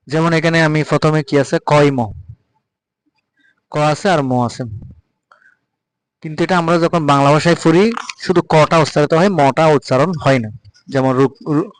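A man with a Bengali accent giving a patient spoken pronunciation lesson, repeating example words slowly. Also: fairly high pitch, no echo, poor audio. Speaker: Sanskrit recitation teacher.

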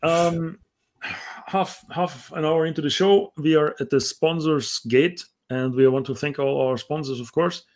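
This middle-aged Austrian man speaks with an [name] accent and a fairly high voice at a measured pace. He's co-hosting a casual video call from a home room lined with bookshelves, talking into an earbud mic. His delivery is chatty and full of "um" fillers, and he reads names out carefully.

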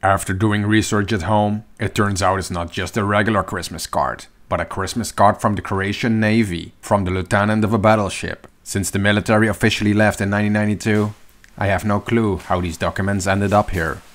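A man giving calm scripted voice-over narration. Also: lowish voice, a little fast.

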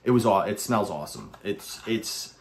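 A man with a Brooklyn New York accent talks through a soap review in a casual, rambling way. His voice sits a little low, and he keeps restarting his sentences with plenty of filler words. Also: lively intonation, normal speed, creaky.

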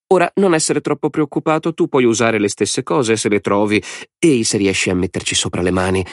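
A gleeful, mad villain lord, put on by a male audiobook reader, mocking and sing-song in his grand theatrics. The voice sits well above the reader's own low tone and swings widely. The recording is dry and close. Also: no echo, close to an everyday voice. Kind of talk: audiobook character voice.

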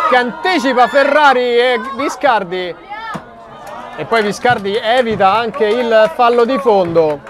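A man commentates live on a football match in a high-pitched voice. His goal calls are breathless and excited. Crowd noise from an outdoor ground surrounds him. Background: crowd at a small outdoor football ground.

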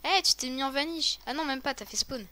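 Hosting a relaxed game tutorial video alongside a friend, this woman speaks a little fast in a high, bright, forceful voice. Her talk is chatty and halting, full of fillers and restarts.

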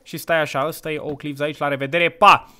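A man hosting a casual let's-play, playful and mock-villainous, breaking into excited outbursts. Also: a little high, a crowd in the background. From Romania. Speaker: gaming channel host.

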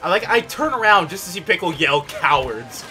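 A young man hosting a casual gaming chat with friends, excitable and quick to yell and laugh. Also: sits high. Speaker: channel host and gamer. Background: loud game music and battle sounds.

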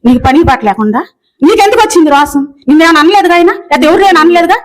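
A woman's voice: very high voice, expressive, very fast, rough recording. A woman ranting angrily in a scolding, repetitive way. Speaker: video commenter. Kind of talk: angry rant.

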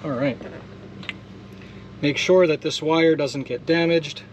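Slow and steady, a slightly high male voice explains a jet ski repair in a self-filmed outdoor tutorial, with slight background noise. The DIY mechanic keeps it casual and step by step, swearing when frustrated.

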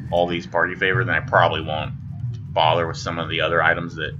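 A man with a very low voice talks through a video game as he plays it. His commentary is casual and unscripted, with game music clearly behind him. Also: little pitch movement, fast talker, highs cut off. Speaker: gamer commentator. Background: video game music and sound.

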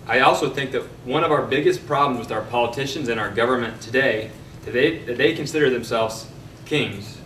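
A man's voice: medium pitch, a bit bright. Roomy, distant young man giving campaign speech. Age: young adult. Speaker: political candidate. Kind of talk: prepared campaign closing speech. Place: meeting room, at a podium. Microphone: podium mic, picked up by distant camera. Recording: roomy, distant mic, faint background noise.

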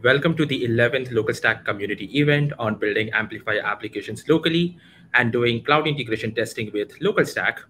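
A man in his twenties with an Indian accent informally hosts an online community meetup livestream, introducing the speakers over a video call from a room at home. He uses a headset, and there's slight background noise. His voice is medium-pitched and sharp, and he talks a little fast.

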